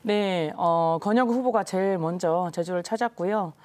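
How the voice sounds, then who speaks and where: A woman with a Jeju accent, a party election co-chair, answering interview questions in a measured, formal way with many hesitant fillers. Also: on the low side, a little mellow. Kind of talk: current-affairs interview answers.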